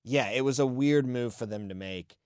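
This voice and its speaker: A man talking football in a casual, opinionated way, often restarting mid-sentence as he thinks aloud. His voice sits at a middle pitch and is recorded close and dry, with no room sound. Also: normal speed, a little mellow, clear, resonant tone, dry recording. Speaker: sports podcast co-host. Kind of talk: casual sports talk.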